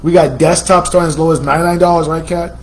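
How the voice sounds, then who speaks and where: Speaking fast in a steady tone, an American man with a somewhat high voice fronts a promotional video for a computer store. His talk is casual and sales-driven, with plenty of repetition, and the recording is low quality.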